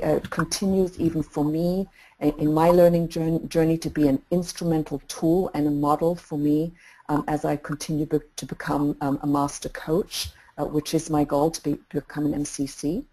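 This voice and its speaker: Low, mellow-voiced middle-aged woman from England. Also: level tone, low-quality recording. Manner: measured, with frequent fillers and restarts. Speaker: executive coach and webinar co-host. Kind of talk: webinar introduction.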